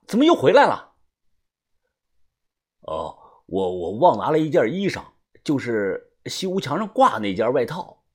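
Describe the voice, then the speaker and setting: A man's voice: mid-range voice, husky. A man voicing a nervous hired guide in an audiobook, stammering and full of hesitations. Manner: stammering with many fillers.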